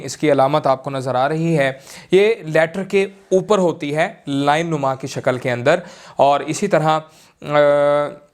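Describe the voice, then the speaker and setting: A man teaches Quran reading at a very slow, careful pace. His voice is smooth, clear and a little high. He stretches his syllables and pauses often on fillers. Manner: slow, deliberate, drawn-out syllables with many fillers. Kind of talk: slow recorded lesson.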